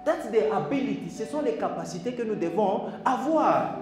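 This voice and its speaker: A man preaches in a high, lively voice that swings from soft asides to shouted lines. He switches languages freely as he goes. The sound is echoey, like a large hall, with faint music behind him. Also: moderate pace. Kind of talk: conference sermon. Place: church hall.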